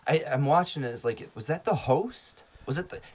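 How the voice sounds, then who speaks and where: A man hosting a casual podcast, loose and quick to laugh, swearing casually. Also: on the high side, animated, darkish tone. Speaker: podcast host. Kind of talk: casual chat, movie review.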